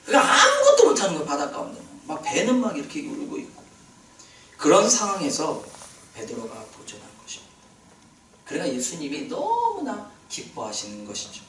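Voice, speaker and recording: In a prayer retreat hall, a male pastor preaches a sermon, animatedly posing questions to his congregation. His voice is a little high and moves at a moderate pace. He is heard from a distance.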